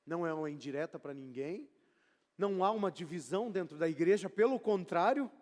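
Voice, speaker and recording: A pastor, reading scripture and explaining it with casual asides in a sermon. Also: male voice, on the high side, expressive, a little fast, a little mellow. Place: church sanctuary. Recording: long church hall reverb.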